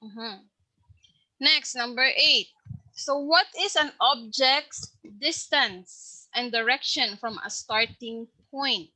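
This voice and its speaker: A woman teacher with a high, very bright voice runs a science review at an unhurried pace. She reads each question and its answer choices aloud, then patiently checks her students' answers. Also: no echo, rough recording. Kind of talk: online science review lesson.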